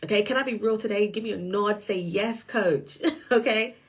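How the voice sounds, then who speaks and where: Woman, 30s, life coach, live online class, emphatic, mid-pitched voice. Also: moderate pace. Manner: emphatic, keeps checking in with "okay?".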